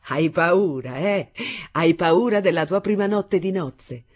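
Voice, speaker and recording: A woman reading aloud voices a brash young husband who mocks and threatens his bride in loud bursts. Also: sits low, expressive, unhurried, breathy edge, exaggerated voice. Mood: mocking. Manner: mocking, menacing, loud bursts.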